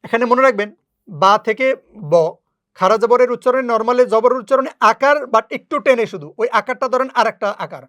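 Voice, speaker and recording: A teacher giving a patient, step-by-step lesson on reading the Quran, repeating each rule slowly. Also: medium pitch, a bit bright.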